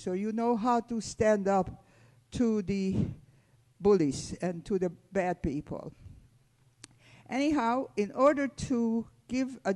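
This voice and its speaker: A woman in her eighties from Hungary, speaking, gives a measured, deliberate testimony talk to a school audience. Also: on the high side, darkish tone. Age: 80s. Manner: measured, deliberate, addressing children directly. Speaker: Holocaust survivor speaking to students.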